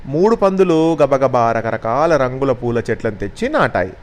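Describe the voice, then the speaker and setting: A man narrating a children's story as a storyteller, expressive and gentle. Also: medium pitch, moderate pace.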